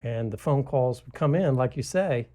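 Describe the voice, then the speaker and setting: A man from New York City, an author appearing as a guest, tells stories in conversation with hesitant fillers. His mid-range voice has lively intonation at a moderate pace, with a crowd audible behind him.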